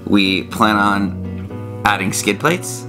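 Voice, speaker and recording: A man's voice: lowish voice, takes it slowly. A man in his thirties talking casually to camera as a vlog co-host, explaining things from inside a small trailer. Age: 30s. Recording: soft guitar music behind the voice.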